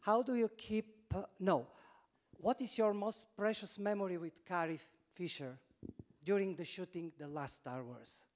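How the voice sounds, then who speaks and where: A man from Bulgaria, a journalist in the audience, asking a formal, halting question into a handheld mic. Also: high-pitched. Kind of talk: asking a press conference question.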